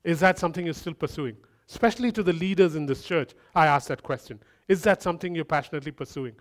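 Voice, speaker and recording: A man's voice: on the high side, quick pace. A man preaching a sermon in a conversational way, with humorous asides and repeated phrases that build up.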